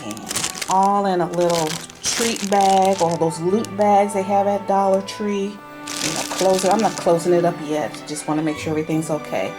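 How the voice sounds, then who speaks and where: A woman with a mid-range voice and fairly even intonation shows off gift baskets at a normal pace in a casual show-and-tell vlog, filming on a handheld camera she operates herself. She's chatty, repeats herself, and fills her speech with fillers while music plays in the background.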